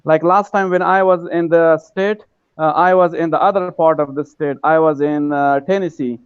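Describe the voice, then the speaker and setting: A man from Afghanistan talks earnestly and politely in an online class, pausing often on fillers. His voice sits fairly high and comes through smooth and clear. The call audio is dry and a little dull. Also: steady tone, no room sound. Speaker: university lecturer, class participant. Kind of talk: casual online conversation. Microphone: video call.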